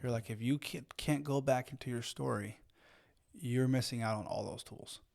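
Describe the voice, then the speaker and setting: Medium-pitched, gravelly and darkish, this man's voice moves at normal speed as he co-hosts a podcast. He's in his thirties and from Mexico, and he tells a long personal story casually, with lots of fillers and restarts.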